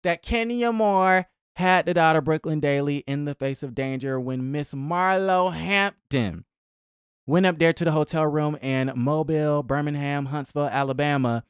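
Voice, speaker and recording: A young man with a slightly high voice dishes celebrity gossip at a moderate pace, sounding sassy, emphatic and full of slang in a casual, chatty way. His tone is smooth and the recording dry, captured close on a boom-arm podcast mic in a small room at home.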